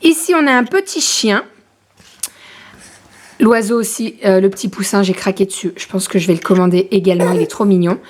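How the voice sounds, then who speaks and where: A young woman chatting casually in a home vlog as a mother, filling pauses with "euh" and turning aside to coo at her baby. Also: medium pitch, darkish tone.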